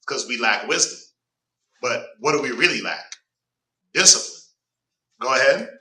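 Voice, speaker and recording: Animated and speaking at a normal pace, this Southern-accented man's mid-range voice sounds pushed and bright. Congested and clearing his throat, he chats casually through a Bible class, jokes with everyone, and urges a reader on with "go ahead." A distant mic picks him up in an echoey room.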